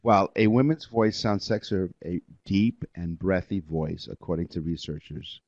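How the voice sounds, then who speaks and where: A man's voice: low-pitched, measured pace, a little mellow, no echo. Dry-humored man reading fun facts. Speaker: podcast host. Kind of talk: comedic podcast banter. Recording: dull lo-fi podcast audio.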